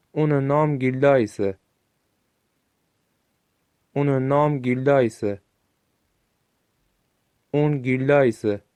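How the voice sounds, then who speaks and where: A man with a Gilaki accent giving a recorded language lesson, saying short phrases slowly and clearly for listeners to repeat. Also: mid-range voice, dark tone. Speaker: language teacher.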